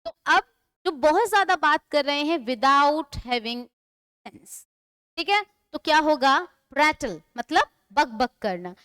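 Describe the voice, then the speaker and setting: A woman's voice: sits high, lively intonation, takes it slowly, a bit bright, dry recording, studio quality. A woman teaching English vocabulary in a classroom-style lesson, explaining patiently, repeating words and asking her students questions.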